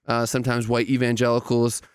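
A young man talking as an interviewer on a casual podcast, earnest and thoughtful, with halting phrasing. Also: medium pitch, completely flat delivery, clean tone, no echo, studio quality. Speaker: writer and interviewer, podcast guest.

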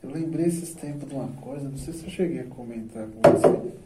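A man's voice: medium pitch, fast. A man hosting a podcast, chatting casually with his guest in a teasing, jokey way. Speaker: podcast host. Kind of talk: casual interview chat. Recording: roomy, distant mic, faint noise.

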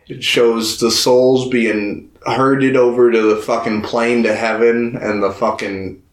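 A man's voice: mid-range voice, little pitch movement, slow pace, reverberant. A man co-hosting a podcast in casual chat, chiming in with plot details and casual swearing. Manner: chatty and profane, chiming in and adding plot details. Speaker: podcast co-host.

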